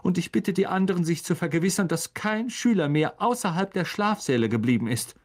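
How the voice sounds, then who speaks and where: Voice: medium pitch, lively intonation, brisk, darkish tone, voice pushed up, close to an everyday voice. A reader doing a stern older teacher woman. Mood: brisk.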